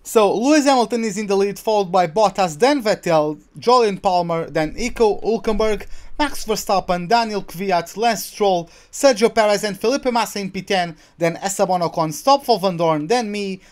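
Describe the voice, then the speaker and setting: A man's voice: high voice, moderate pace, few pauses. A man giving casual live commentary as they play a racing video game. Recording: loud engine noise behind voice. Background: racing game car engines.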